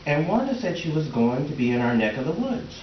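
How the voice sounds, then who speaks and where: A man with a fairly high, very animated voice plays a mild, defensive middle-aged husband in a readers theater comedy. He sounds matter-of-fact and a little awkward, halting when he gets flustered. The stage recording is roomy, distant, noisy and dull.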